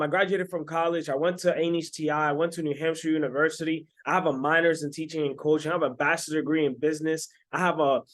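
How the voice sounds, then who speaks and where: A man in his twenties, from the Dominican Republic, giving an energetic motivational sales pitch as an online business coach, often tagging his sentences with "right?". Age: 20s. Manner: energetic, repetitive, keeps asking "right?".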